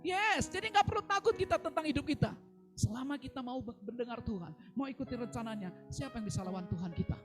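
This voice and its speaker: A woman's voice: high-pitched, animated, fast, over music. A woman pastor preaching a sermon over a live video call, telling a story and quoting people in changing voices.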